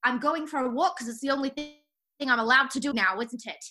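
A fed-up English wife in her mid-forties scolds her husband in a bright, sharp voice, as a woman acts her out in an improvised comedy sketch. Her tone is sarcastic and nagging, and her voice sits fairly high. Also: fairly quick, faint music behind. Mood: indignant.

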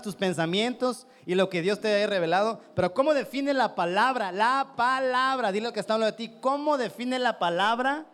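High-voiced Mexican pastor preaching emphatically. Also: male voice. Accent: Mexican Spanish. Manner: emphatic, repetitive, rhetorical questions. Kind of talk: sermon. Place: standing before a congregation.

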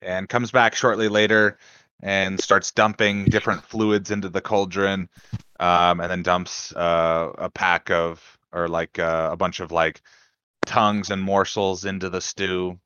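A man narrating as game master on a voice call, halting and hedging with many fillers, over slightly muffled audio. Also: sits low, flat delivery, pushed and bright, smooth, no echo.

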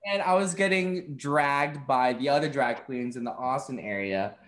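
A man's voice: mid-range voice, normal speed, a bit bright. A young man in his twenties, talking openly and chattily as an interview guest and laughing often. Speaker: content creator being interviewed. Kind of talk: casual interview chat.

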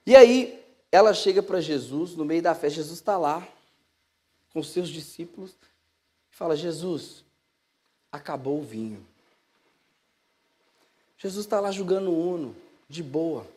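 A man with a Brazilian Portuguese accent preaching a sermon in a lively, casual way, acting out dialogue and swinging between loud bursts and hushed asides. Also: a little high, normal speed, breathy edge.

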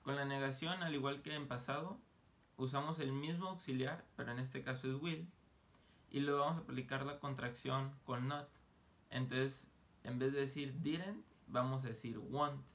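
Gravelly-voiced man teaching English. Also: mid-range voice, steady tone, a bit bright. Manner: slow, deliberate modeling of English phrases; casual, joking asides. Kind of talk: online English lesson.

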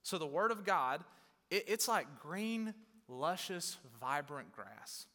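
Pastor guy, 30s, bright fairly high voice, preaching chatty then punchy, long reverb from the hall. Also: sing-song, slow pace. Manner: conversational preaching, swelling loud on emphasis. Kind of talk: sermon. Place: large church hall.

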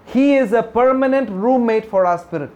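High-voiced man preaching a sermon. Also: moderate pace, a little mellow. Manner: emphatic, repeats key phrases, reads scripture aloud; asks the congregation questions. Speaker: pastor.

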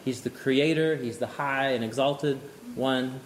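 A man teaching an informal lecture on scripture, animated and often chuckling, thinking aloud with restarts. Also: mid-range voice, unhurried, a little hiss or hum. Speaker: Bible teacher.

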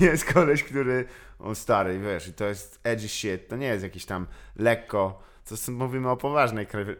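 A man in casual podcast chat, animated, swearing often and laughing a lot. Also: low-pitched.

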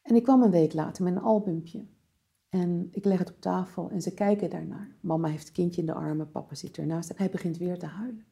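A woman's voice: lowish voice, fairly quick, gravelly, warm tone. A woman, a birth photographer and former maternity nurse, telling a vivid story in a conversational interview, mixing in English terms.

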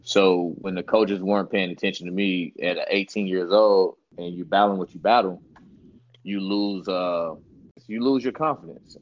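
A young man, a basketball trainer, telling a story in a relaxed and slangy way as a podcast guest. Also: fairly low pitch. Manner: laid-back, slangy, laughs while telling stories. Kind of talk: casual storytelling interview. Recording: dull lo-fi sound.

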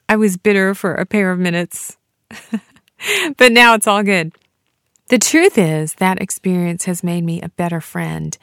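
A woman hosting a solo devotional podcast, talking in a heartfelt, earnest way with soft laughs. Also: on the low side, dry recording, studio quality. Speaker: podcast host.

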